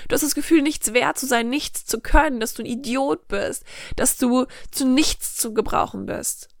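A woman's voice: high voice, moderate pace, dry recording, studio quality. A woman hosting a motivational self-help podcast, speaking earnestly and directly to the listener. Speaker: podcast host. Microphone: studio microphone.

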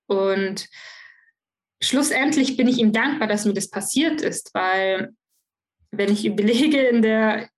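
Slowly and in a medium-pitched voice, a young woman speaks frankly and emotionally about her life as a podcast guest. During this personal interview she often starts her sentences over.

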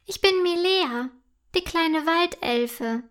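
A woman voicing a tiny, cheerful young female forest elf who talks eagerly and brightly. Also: very high-pitched, slow pace, pitched above the performer's own voice, full character voice.

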